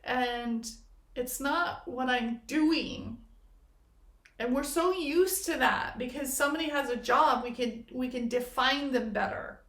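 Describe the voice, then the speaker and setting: A woman's voice: high-pitched, slow pace, fairly bright tone. A woman hosting a podcast, musing in reflective spiritual chat and playing on the meanings of words. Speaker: podcast host. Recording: echoey room.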